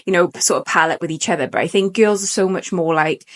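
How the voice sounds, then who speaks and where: A woman's voice: on the low side, fast talker. A young adult woman, chatting loosely with her co-host on a podcast. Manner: chatty, loose, full of fillers. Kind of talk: casual chat.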